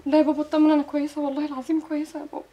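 A woman's voice: high-pitched, little pitch movement, very fast, close to an everyday voice. A young actress with an Egyptian accent playing a remorseful daughter who pleads with her father. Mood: reassuring. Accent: Egyptian Arabic. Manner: pleading, tearful. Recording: loud music under.

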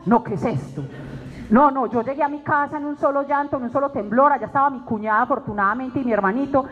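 At a weekly faith meeting, a woman delivers an emotional testimony sermon, dramatically recounting her story and acting out her own words. Her voice sits high and moves fast, with faint music in the background. The recording is dull and the hall reverberant.

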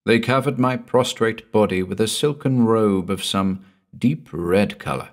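A man reading a first-person horror story aloud in a slow, measured, brooding way. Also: on the low side. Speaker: audiobook narrator. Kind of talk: scripted horror story narration.

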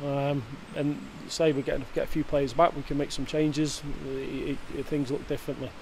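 A man's voice: medium pitch, level tone, normal speed, darkish tone, a little hiss or hum. A man, a football manager giving a post-match interview in a hesitant way, full of fillers and restarts, recorded close up indoors. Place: indoor press area before a sponsor board.

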